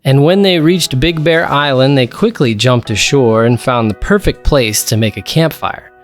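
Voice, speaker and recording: A man reading a picture book aloud to his child in a slow, lively storytelling tone. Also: medium pitch, soft background music.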